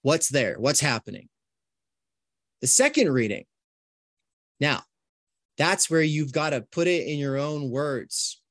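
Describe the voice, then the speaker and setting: A man teaching an online philosophy course in an informal, conversational lecture style, thinking aloud with animated asides and restarts. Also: a little high, takes it slowly, long pauses, no room sound, studio quality.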